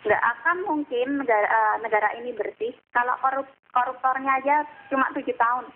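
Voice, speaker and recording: A female phone-in caller speaks through a narrow, phone-like line. Her voice sits fairly high, and she lays out her points in order in a plain, direct way. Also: fairly even intonation, a little fast, slight background noise. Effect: phone-line caller heard through a call-in line. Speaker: caller to a TV talk show. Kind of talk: call-in opinion.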